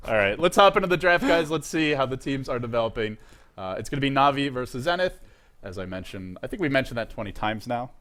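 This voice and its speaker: A man casting a live esports match, chatty and energetic, tired after staying up all night. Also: mid-range voice, quick pace. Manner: energetic, chatty, self-correcting. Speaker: esports caster. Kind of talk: live game commentary.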